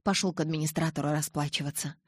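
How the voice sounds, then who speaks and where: A brisk, gentle young woman, voiced by a female reader in an audiobook. She passes on news in a matter-of-fact way. The voice is slightly husky and dry. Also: sits low, fairly even intonation, dry recording. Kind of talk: audiobook character voice.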